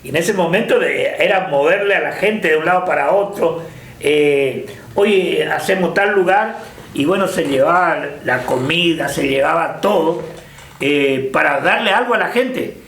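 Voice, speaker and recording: A man's voice: a little high, moderate pace, fairly bright tone, echoey room. An older man with an Argentine Spanish accent, recalling the past in a hesitant interview, full of fillers and restarts. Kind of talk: casual reminiscing interview.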